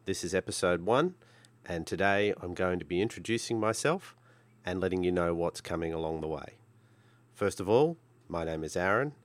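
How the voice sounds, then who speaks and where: Deep-voiced Queensland Australian man hosting a podcast. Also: animated, moderate pace, dry recording. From Brisbane, Australia. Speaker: podcast host. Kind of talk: casual solo podcast talk.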